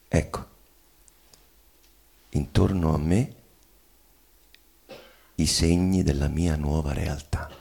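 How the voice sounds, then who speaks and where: An actor playing a menacing, feverish, obsessive man in an intense theatrical monologue, ranting wildly and swinging between breathy whispers and outcries. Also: rumbling low, a little mellow, exaggerated voice. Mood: delirious.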